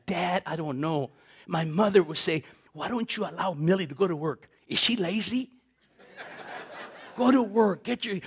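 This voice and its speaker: With a fairly high, slightly rough voice, a fifty-something pastor tells personal stories in his sermon. His delivery is animated: he repeats words, breaks into laughter often, and imitates the voices of those he quotes.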